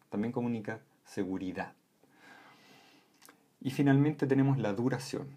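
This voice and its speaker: A man explaining voice and communication in a calm lesson, often checking in with short "¿m?" and "¿ya?" tags. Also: on the low side. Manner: calm, with frequent "¿m?" and "¿ya?" check-ins. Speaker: voice and communication instructor.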